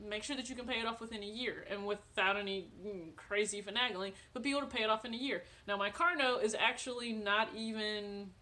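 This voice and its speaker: A woman's voice: medium pitch, a little fast, hardly any pauses, sharp tone. A woman in her late twenties chatting casually to camera from her living room, friendly and talkative with frequent laughs and fillers. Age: 20s. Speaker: vlogger.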